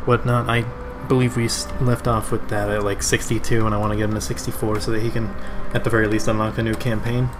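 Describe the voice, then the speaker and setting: Rambling man streaming a game over music. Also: medium pitch. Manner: rambling, halting. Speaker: game livestreamer. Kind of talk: casual stream chat over gameplay. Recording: game music, fan noise behind. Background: game music and a fan.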